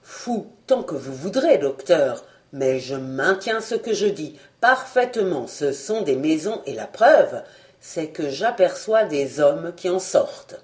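A woman's voice: sits low, sing-song, slow, distant mic, pitched below the performer's own voice, heavily acted. Woman doing a stubborn young male assistant. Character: young male assistant, excitable then panicked.

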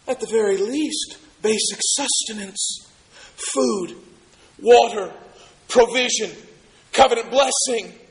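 A man preaching a sermon as pastor, emphatic, swinging between loud stresses and quiet asides. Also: sits high, takes it slowly, reverberant, low-quality recording.

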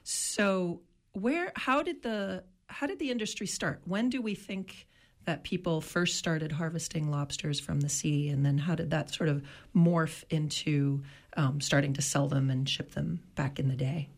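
A woman interviewer asking open, curious questions in a relaxed conversation. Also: deep voice, measured pace.

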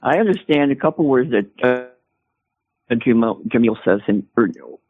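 Man, breaking-up call line, tinny phone-like sound, husky voice, dry and close, hesitant casual talk. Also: mid-range voice, lively intonation, measured pace, dry recording, faint music behind. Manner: hesitant, with many fillers. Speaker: ministry participant on a call. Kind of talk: casual chat over a call.

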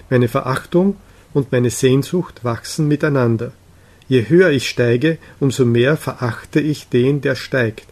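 A weary, despairing young man pouring out his troubles, as a man reads him aloud. His delivery is earnest and pleading, and he speaks slowly. The audiobook reading keeps a middle pitch. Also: darkish tone.

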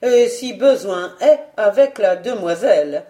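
A woman's voice: medium pitch, expressive, unhurried, dark tone, roomy sound, lightly acted. A woman voicing an elegant, scheming female villain in a storybook reading, speaking in a dry, implacable, ironic way. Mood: icy.

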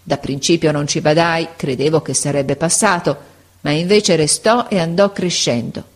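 A woman voicing a frail, gentle old male schoolteacher in an audiobook, speaking slowly and tenderly. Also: low-pitched. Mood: sorrowful. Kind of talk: audiobook character voice.

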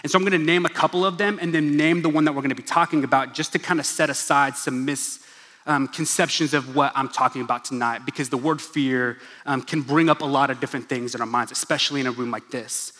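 The long reverb of a large church hall surrounds a young pastor from Oklahoma, USA, as he gives a casual, joking sermon with asides to the crowd. He speaks fast, in a medium-pitched, steady voice with a sharp tone.

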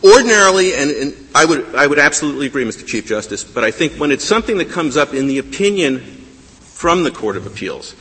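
A man arguing a case before a high court, insistent and argumentative, often stumbling and repeating words. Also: sing-song, brisk, pushed and bright, slightly rough. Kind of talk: appellate oral argument. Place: large courtroom. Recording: courtroom with long reverb.

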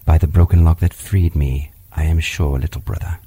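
Man reader doing a grave, deep, slow-speaking panther, husky and dry; storybook read. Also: fairly even intonation, dark tone, no room sound. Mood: solemn.

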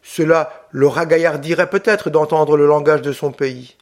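A man's voice: a little high, steady tone, normal speed, a little mellow, close to an everyday voice. A man doing a chatty farm woman. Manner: talkative, apologetic.

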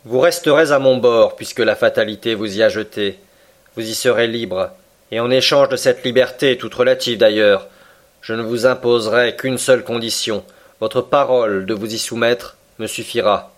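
A man voicing a cold, stern middle-aged submarine captain who speaks in a measured, unyielding way, in an audiobook reading. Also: medium pitch, steady tone, natural voice.

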